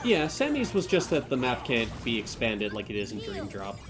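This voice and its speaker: A man's voice: mid-range voice, wildly swooping pitch, normal speed, over music. A man co-hosting a gaming livestream, rambling animatedly about games. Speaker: livestream co-host. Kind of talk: casual gaming chat.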